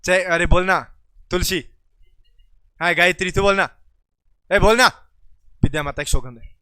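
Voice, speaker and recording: A man teaching a class in Hindi with a Rajasthani accent, teasing and coaxing students by name, loud calls to the class and quieter explanations. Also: high voice, brisk, clean tone, no room sound. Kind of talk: classroom lesson.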